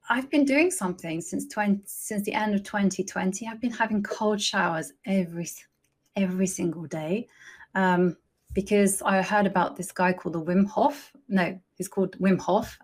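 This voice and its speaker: A woman streaming her chess games, chatting casually and thinking aloud as she plays. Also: mid-range voice. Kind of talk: casual live-stream commentary.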